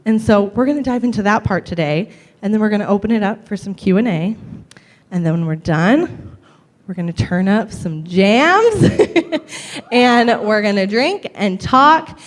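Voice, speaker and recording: A woman's voice: medium pitch, lively intonation, unhurried. Upbeat woman hosting a live panel. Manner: upbeat, emphatic, repeats words for stress. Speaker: panel host. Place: live event venue. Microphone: handheld microphone. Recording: reverberant hall.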